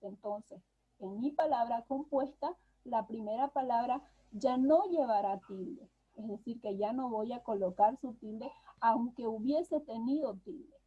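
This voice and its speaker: A woman's voice: on the high side, measured pace, husky. A woman teacher giving an online class over a video call, explaining patiently step by step and often checking in with a questioning "right?". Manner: patient, explanatory, tags phrases with "¿no?". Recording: dull lo-fi video call audio.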